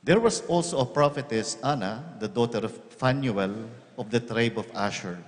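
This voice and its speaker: A man, a priest, reading the Gospel at Mass in a solemn, measured liturgical manner, with a cathedral echo. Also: mid-range voice. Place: large church. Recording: cathedral echo, long church reverb.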